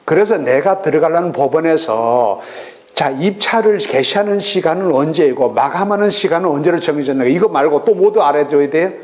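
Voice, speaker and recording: A middle-aged man giving a recorded lecture on real estate auctions, lively and full of rhetorical questions. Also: a little high, brisk. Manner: lively, rhetorical questions, acts out regional voices.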